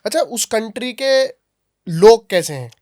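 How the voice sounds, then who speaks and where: A man's voice: high voice, expressive, a little slow, a little mellow, dry recording, studio quality. A man hosting a podcast, asking curious questions and backing his guest with short hums of agreement. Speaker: podcast host. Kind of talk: casual podcast interview. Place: podcast studio.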